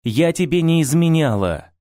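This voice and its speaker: A woman's voice: deep voice, expressive, normal speed, mellow, no room sound, studio quality, pitched above the performer's own voice. A man voicing a young pregnant woman who pleads and insists with her lover, in a storybook reading. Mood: pleading.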